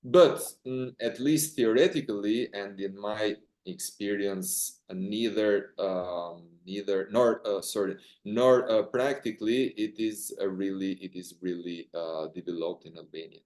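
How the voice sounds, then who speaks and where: A man answering as a guest speaker at an academic seminar, halting often with fillers and restarts. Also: lowish voice, darkish tone, reverberant.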